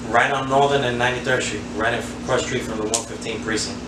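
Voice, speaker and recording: Reminiscing in a casual interview, a New Yorker from Queens in his 40s who plays handball speaks quickly in a flat, mid-range voice. He is relaxed and rambling, full of fillers, and the recording is roomy, noisy, and off-mic from a distance.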